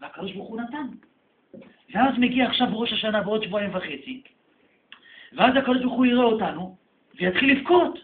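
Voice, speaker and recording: A man's voice: high voice, lively intonation, pauses often. A man, a rabbi, telling a story in a sermon with emotive, emphatic delivery, recorded in a hall. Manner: emotive storytelling, rising to loud emphatic peaks. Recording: echoey, tinny lo-fi recording.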